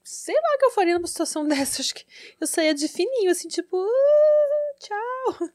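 High, lively woman reacting in a dry room. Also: very fast. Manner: expressive reactions and exclamations. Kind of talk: casual chat, reacting.

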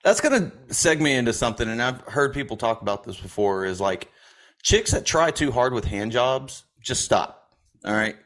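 A man co-hosting a casual sports podcast, blunt and profane, delivering crude jokes flatly. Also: medium pitch, normal speed. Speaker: podcast co-host.

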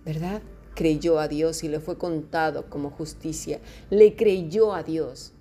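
Female preacher, low mellow voice, direct and teasing, soft music under. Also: takes it slowly. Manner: addresses listeners directly, mocks fearful voices. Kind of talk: sermon.

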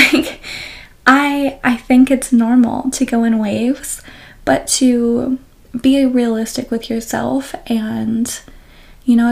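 A young woman hosting a podcast, talking openly and reflectively about her own experience, with soft laughs and restarts. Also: fairly high pitch, vocal fry. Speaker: podcast host. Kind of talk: candid personal podcast talk.

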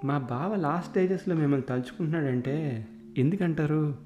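Guy voicing blunt scornful dude, loud, dark tone, echoey. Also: mid-range voice, steady tone, brisk, faint music behind, close to an everyday voice. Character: blunt, scornful man, the patient's brother-in-law.

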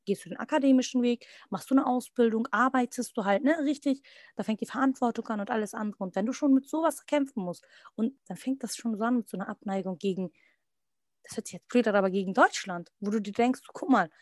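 Young woman, podcast guest, slightly high voice, dry close sound, chatty storytelling with quoted asides. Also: fast talker, dry recording. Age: young adult. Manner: lively, quotes others in little acted asides. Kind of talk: casual storytelling.

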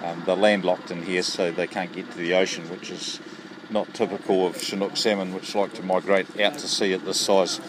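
A man with a New Zealand accent speaks in an informal outdoor interview. His voice is low and he explains things with small hesitations. Clear background noise surrounds him. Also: little pitch movement, moderate pace. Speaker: fish hatchery worker. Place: outdoors by a lake.

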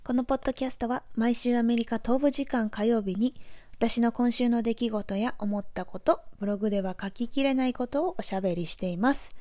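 A woman from Aichi with a Nagoya accent, hosting a podcast in a chatty, relaxed monologue with friendly asides. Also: fairly high pitch, brisk. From Aichi, Japan. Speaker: podcast host.

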